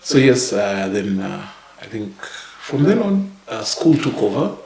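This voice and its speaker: A man in his thirties from Uganda, a podcast guest telling his life story in a halting way with many fillers and little chuckles. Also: on the low side, sing-song, vocal fry, darkish tone, roomy sound, low-quality recording. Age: 30s. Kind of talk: casual interview, life story.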